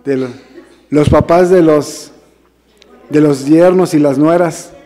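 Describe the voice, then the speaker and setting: A man's voice: fairly high pitch, steady tone, slow, dark tone, in a large hall. A man preaching a sermon to a congregation in a conversational way, often calling them brothers and asking them questions. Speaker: minister preaching. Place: church hall.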